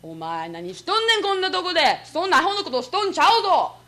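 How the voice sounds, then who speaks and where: A woman's voice: high voice, very animated, moderate pace, bright, forceful tone, pitched above the performer's own voice, exaggerated voice. A young woman acting out her host father's casual and blunt speech, with a Kansai accent. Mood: scolding. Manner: blunt, scolding in dialect.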